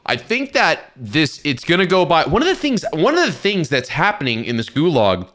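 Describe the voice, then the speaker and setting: A man's voice: a little high, huge pitch swings, normal speed, fairly bright tone. A man co-hosting a gaming podcast, talking casually and hesitantly and swearing freely. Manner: wavering and self-doubting, swears casually. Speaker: podcast co-host.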